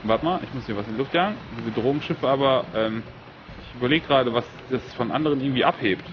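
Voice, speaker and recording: A man's voice: mid-range voice, fast, muffled recording, background noise. A man co-hosting a TV games show, chatting dryly and mock-offended while he plays a shooter. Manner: dry, mock-offended, chats while playing. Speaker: co-host playing a shooter live on a TV show. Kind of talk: casual on-air banter.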